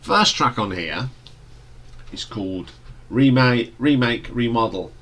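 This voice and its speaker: A man whose nose is stuffed up from hay fever reviews an album in a relaxed, meandering way, full of fillers and restarts. His voice is medium-pitched and slow.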